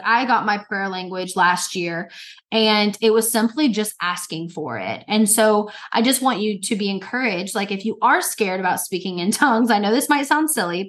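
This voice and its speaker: A woman's voice: medium pitch, fairly bright tone. A woman co-hosting a faith podcast, explaining in an encouraging, casual way with "like" fillers. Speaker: podcast co-host.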